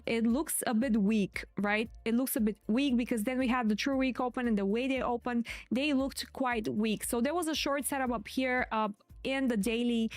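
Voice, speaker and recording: A woman with a quiet but clear voice hosting live market commentary, explaining casually and often correcting and repeating herself as she goes. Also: fairly high pitch, no room sound. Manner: hesitant, self-correcting, repeats phrases. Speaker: trading stream host.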